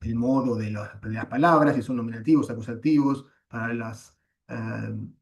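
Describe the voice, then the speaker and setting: A man teaching a Latin class over a video call, explaining patiently with frequent "eh" and "em" pauses. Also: medium pitch, creaky, highs cut off. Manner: patient, corrects students, fills pauses with "eh" and "em".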